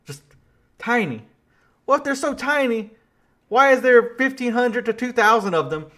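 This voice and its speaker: A very high-pitched man from Louisiana offers casual political commentary, animated and quick to laugh, often restarting his sentences.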